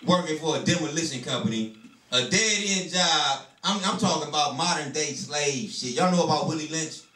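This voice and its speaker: A stand-up comedian in his thirties from Detroit, USA, tells a loose, profane story, repeating "you know what I'm saying." His voice is on the high side, pushed and bright, with lively intonation at a moderate pace. The recording, made at a distance in a small comedy club, sounds roomy with crowd noise.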